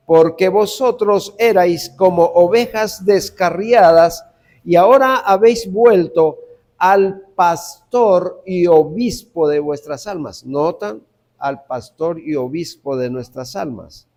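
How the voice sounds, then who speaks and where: Male pastor, high-pitched, slow emphatic sermon delivery, speaks directly to the congregation. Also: a little mellow. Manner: emphatic, repeats key phrases, addresses congregation directly.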